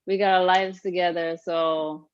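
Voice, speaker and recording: Brief: lower-pitched woman coach hosting a live chat, dull lo-fi audio. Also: level tone, measured pace, smooth, dry recording. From Haiti. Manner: chatty, laughs often, many fillers. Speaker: fitness coach and host. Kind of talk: casual live-stream interview.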